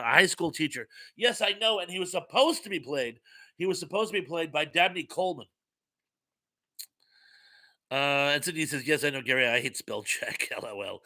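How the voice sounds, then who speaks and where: This livestream host reads chat messages out loud, drifting into rambling wry commentary as his voice wears out. He speaks on the high side with a sharp tone.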